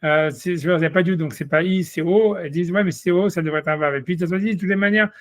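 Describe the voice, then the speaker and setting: In a one-on-one Talmud study session, a man with a fairly high voice talks very fast on a dry recording. He explains patiently, with lots of repetition, hesitant restarts, and frequent uses of "tu vois."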